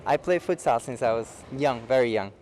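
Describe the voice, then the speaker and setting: A man's voice: medium pitch, lively intonation, moderate pace, a little mellow, slight background noise. A man in his forties from Peru, a youth futsal coach in a local cable TV interview, who explains simply and keeps checking in with "okay?". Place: indoor futsal facility.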